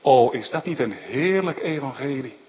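A man preaching a sermon with fervor, his voice swelling louder on key phrases. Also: medium pitch, lively intonation, moderate pace, a little hiss or hum. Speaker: pastor. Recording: dull lo-fi church recording with long reverb.

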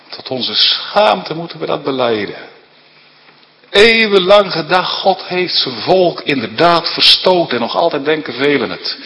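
A man's voice: a little high, sharp tone, in a large hall. A man pastor giving an earnest, emphatic sermon.

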